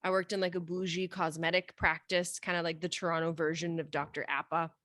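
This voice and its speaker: Romania-raised woman in her thirties, hygienist guest, casual and jokey, low voice. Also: level tone, a little fast, a bit bright, dry recording, studio quality. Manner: chatty, joking, lots of "like". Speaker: guest, dental hygienist and practice owner. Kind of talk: casual interview chat.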